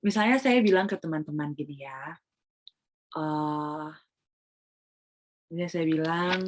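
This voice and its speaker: A woman's voice: low-pitched, measured pace, background noise. Woman Montessori trainer on a video call. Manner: explanatory, with English phrases mixed in; acts out examples of what she tells children. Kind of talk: online webinar Q&A talk.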